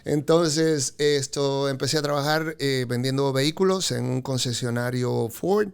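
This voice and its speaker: A Peruvian man in his fifties, a car dealership expert, tells his career story as a podcast guest in casual interview style, full of fillers and a habit of saying "correcto." His medium-pitched voice is unhurried, gravelly, clear, and resonant.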